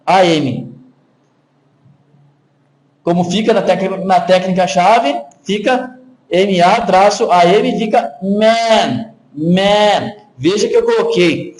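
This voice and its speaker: A man with a fairly high voice gives an English lesson, speaking slowly and patiently. He repeats each phrase several times, drawing out the words for the learners. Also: low-quality recording. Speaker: English teacher. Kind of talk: spoken lesson.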